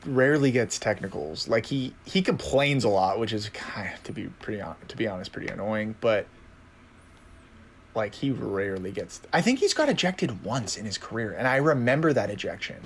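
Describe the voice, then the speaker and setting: A young man co-hosting a sports podcast, chatting casually and telling animated stories with frequent laughs. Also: fairly low pitch, moderate pace, a little hiss or hum. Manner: animated storyteller, laughs often. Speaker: podcast co-host. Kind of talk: casual chat.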